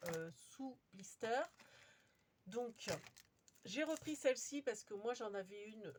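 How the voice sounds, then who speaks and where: A woman chatting casually as she shows off her craft haul, talking with lots of fillers and restarts. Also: mid-range voice. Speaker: crafting vlogger. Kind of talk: casual show-and-tell haul.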